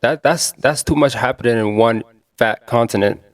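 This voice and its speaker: Slangy, blunt man in casual talk. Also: mid-range voice. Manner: slangy and blunt, quick to laugh. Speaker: podcast co-host. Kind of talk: casual chat.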